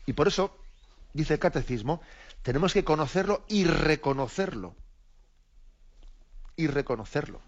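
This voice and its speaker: A man's voice: on the high side, lively intonation, normal speed, long pauses, lo-fi sound. A man from Spain, a bishop, explaining the catechism in a radio lesson, reflective and repeating his words as he goes.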